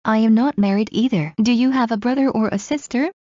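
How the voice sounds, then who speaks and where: A woman reading scripted English practice dialogues in a slow, clear drill delivery. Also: on the high side, dark tone, no echo. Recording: muffled lo-fi recording.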